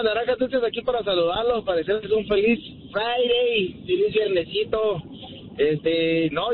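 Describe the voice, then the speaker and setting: A man calling a radio show, playful and joking with the hosts. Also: high voice. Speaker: caller. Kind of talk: call-in radio banter. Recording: tinny phone line with faint noise.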